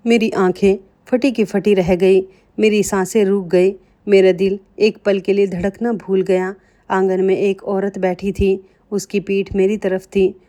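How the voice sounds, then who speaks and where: Woman reading a dramatic family story, emotional, talks to the listeners directly, medium pitch. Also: mellow. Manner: emotional, addresses listeners as friends. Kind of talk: dramatic first-person story narration.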